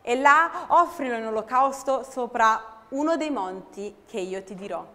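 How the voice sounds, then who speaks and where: A woman's voice: a little high, normal speed, sharp tone. A woman interpreting a sermon phrase by phrase in a hall, often correcting herself mid-phrase. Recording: long hall reverb.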